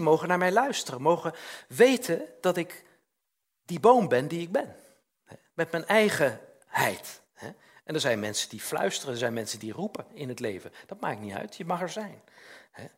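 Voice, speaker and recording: A man's voice: on the high side, fairly bright tone, slightly rough. An older man preaching a chatty, informal sermon, often tagging questions onto his sentences and acting out little scenes.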